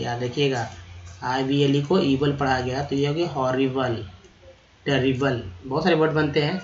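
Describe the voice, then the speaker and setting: A man teaching vocabulary, spelling words out letter by letter, repeating them slowly and calling his viewers friends. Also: medium pitch, muffled recording. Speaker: English teacher. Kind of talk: vocabulary lesson.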